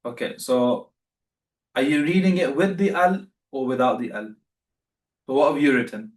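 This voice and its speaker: A man's voice: mid-range voice, moderate pace, echoey room, recorded from a distance. A man teaching beginner Arabic in a live online class, patient and repeating himself as he corrects students.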